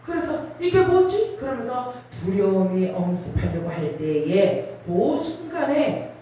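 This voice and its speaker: A middle-aged woman with a mellow, medium-pitched voice preaches her personal testimony at a revival in a large prayer retreat hall, her story rising in emotional, dramatic swells. Her delivery is sing-song and a little slow. The recording is very echoey, with her voice coming from far off and a little hiss or hum.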